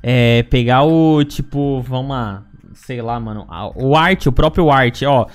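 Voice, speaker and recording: A man's voice: mid-range voice, measured pace. A young man with a Brazilian Portuguese accent co-hosting a casual gaming podcast, talking in a slangy, rambling, teasing way. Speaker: podcast co-host and editor. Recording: music behind the voice. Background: background music.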